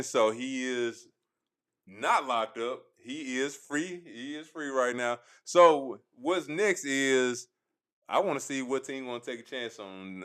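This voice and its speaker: A man's voice: mid-range voice, a bit bright, smooth. A man co-hosting a casual sports podcast, laid-back and joking, often laughing as he talks. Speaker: podcast co-host.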